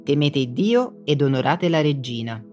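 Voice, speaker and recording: A reader voicing an elderly father who answers calmly and gently, in an audiobook. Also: mid-range voice, unhurried, faint music behind, natural voice. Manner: gentle, steady. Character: calm elderly father quoting scripture.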